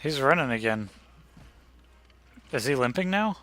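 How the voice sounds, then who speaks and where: A man's voice: medium pitch, expressive, a little slow, pushed and bright, slight background noise. A young man making dry, wry remarks while playing a co-op game with friends over voice chat. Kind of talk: casual co-op gaming chat.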